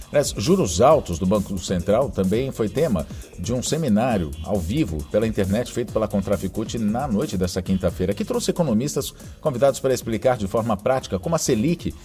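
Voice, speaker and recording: Low, mellow-voiced Brazilian man hosting news. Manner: conversational, with self-corrections and asides. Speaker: podcast news host. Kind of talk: news roundup narration.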